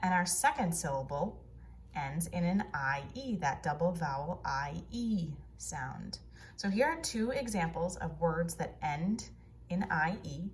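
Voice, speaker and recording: A woman teaching a phonics lesson to children, sounding out letters and words in slow, drawn-out drills. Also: on the low side, lively intonation, a little hiss or hum.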